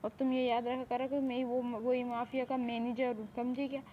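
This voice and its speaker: A woman's voice: fairly high pitch, little pitch movement, brisk, lightly acted. A woman voicing a curt, dismissive young male mafia manager in a fan audio drama. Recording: tinny phone-like recording, faint hiss.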